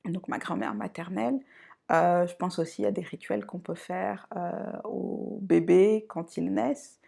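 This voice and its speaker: A woman from Côte d'Ivoire and France hosts a personal introduction vlog, her voice low-set and strongly gravelly with vocal fry. She talks in a reflective, unhurried manner and often pauses to find her words. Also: expressive, mellow. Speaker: channel host.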